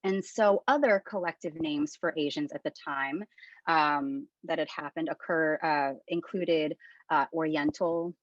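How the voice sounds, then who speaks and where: A woman's voice: deep voice, a little slow, no room sound. A woman in her thirties from the Philippines, giving a candid, conversational webinar talk over a video call. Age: 30s. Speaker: webinar speaker. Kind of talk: informal webinar presentation. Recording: dull lo-fi dry call audio.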